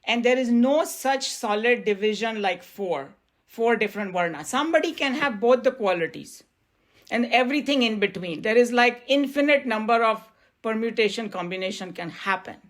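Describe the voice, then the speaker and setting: A woman with an Indian accent explains scripture in a spirited discussion, animated and quick to laugh. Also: on the high side. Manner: animated, laughing, mixes in Hindi phrases.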